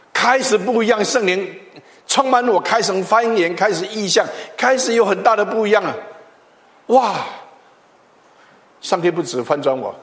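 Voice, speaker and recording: A middle-aged man, preaching a chatty, animated storytelling sermon. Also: sits high. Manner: animated, chatty, with tag particles and restarts. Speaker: pastor. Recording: long hall reverb.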